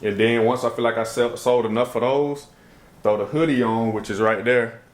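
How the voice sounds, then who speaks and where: A young man vlogging casually to his phone camera, rambling loosely with slangy speech and thinking out loud as he corrects himself. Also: mid-range voice, fairly even intonation, normal speed. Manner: laid-back slangy speech. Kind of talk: casual vlog talk to camera. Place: at home, then in a car before dawn.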